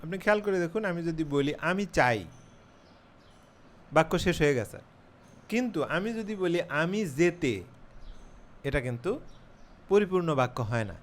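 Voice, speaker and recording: A man teaching English grammar in a class video, explaining slowly and patiently, spelling words out letter by letter and pausing often with fillers. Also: a little high, expressive.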